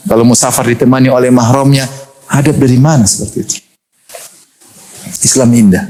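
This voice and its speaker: A man's voice: medium pitch, brisk, a little hiss or hum. A middle-aged man preaching a sermon to a lecture-hall audience, telling stories with jokes and laughter. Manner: lively storytelling with jokes and laughter.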